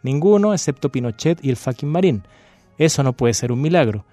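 A Chilean radio guest on a university show, his mid-range voice dark in tone, lively in intonation and fairly quick, reads dramatically with an impassioned, repetitive cadence before shifting to casual talk about a novel. The recording has no echo, and soft music plays underneath.

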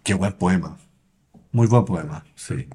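A man's voice: low-pitched, slow, a little mellow. A man co-hosting a podcast, introducing segments in an easygoing, appreciative way. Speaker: co-host.

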